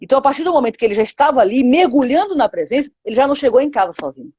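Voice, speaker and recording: A woman's voice: high voice, expressive, racing, darkish tone, slightly rough, dry recording, lo-fi sound. A woman with a Brazilian Portuguese accent telling her testimony to a pastor in an interview, acting out quoted dialogue with lots of 'sabe?'. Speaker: guest giving a testimony.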